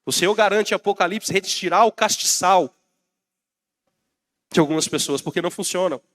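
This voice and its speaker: Speaking at normal speed, a Brazilian man with a high-pitched, fairly bright voice delivers a sermon as pastor. Though badly congested with a cold, he rallies his congregation and calls out to them in a Brazilian Portuguese accent.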